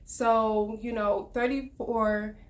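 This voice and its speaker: A woman's voice: fairly high pitch, steady tone, slow pace. Earnest woman in her thirties reflecting. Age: 30s. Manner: earnest, reflective, many fillers. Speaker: vlogger. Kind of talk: personal reflective vlog.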